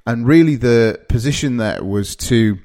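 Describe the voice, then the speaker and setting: An unhurried, mellow, medium-pitched voice introduces a podcast. The host is a man in his thirties from northeast England with a northern English accent. He keeps it loose and conversational, with frequent fillers and restarts.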